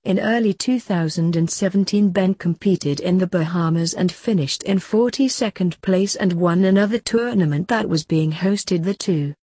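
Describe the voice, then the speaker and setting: A woman narrates a written article in a formal manner, sticking closely to the script. Her voice sits a little low, with a dark, soft tone and a husky edge. The recording is dry and close, with no room sound. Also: moderate pace, hardly any pauses, dry recording. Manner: formal, reading verbatim.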